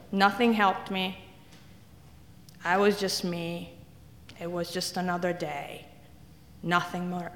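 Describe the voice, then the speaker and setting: An Italian woman, Italian being her first language, gives a humorous personal testimony as a guest speaker in a church, telling wry, self-deprecating stories. Her voice is medium-pitched and fairly bright, and the recording has echoey hall reverb.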